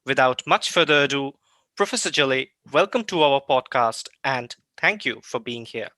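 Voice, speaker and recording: Bright-voiced formal male podcast host. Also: medium pitch, expressive, no echo. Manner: formal, measured, polite. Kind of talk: scripted introduction and interview questions.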